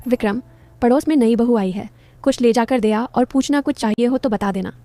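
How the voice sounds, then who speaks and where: A woman's voice: a little high, moderate pace, dark tone, soft background music, natural voice. A woman voicing a matter-of-fact village mother instructing her son, in a storybook reading.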